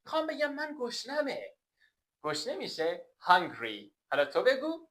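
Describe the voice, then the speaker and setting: A woman with a Persian accent teaching English, drilling slow example sentences for the learner to repeat. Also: fairly high pitch, huge pitch swings, a bit bright. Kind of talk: spoken language lesson.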